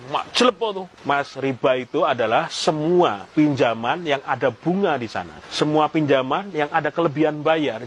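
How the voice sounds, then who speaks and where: A man, telling his own story of debt and repentance in an animated, storytelling way. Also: on the high side, a little hiss or hum. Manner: animated storytelling, slips into Javanese phrases. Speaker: speaker sharing his story of quitting usury. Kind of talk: personal testimony talk.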